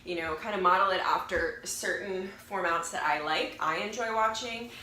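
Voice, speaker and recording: With a fairly low pitch at normal speed, her bright, forceful voice carries the congestion of a recovering cold. The young woman, a fitness vlogger, chats to camera in a rambling way, often correcting herself, in a room with noticeable echo and faint noise.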